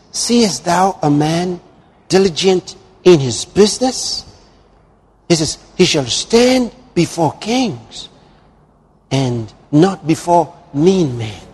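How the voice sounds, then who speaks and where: A male pastor preaching a sermon, moving from hushed, drawn-out lines to loud exclamations. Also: on the high side, husky. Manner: dramatic, swings from hushed to exclaiming. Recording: long hall reverb.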